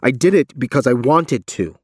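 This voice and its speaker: A man's voice: mid-range voice, expressive, normal speed, slightly rough, no echo, studio quality, voice pushed up. A man voicing a haunted, guilt-ridden ex-soldier in an audiobook, speaking in a plaintive, forlorn way. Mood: plaintive, ashamed. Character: haunted, guilt-ridden male ex-soldier confessing war crimes. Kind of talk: audiobook character dialogue.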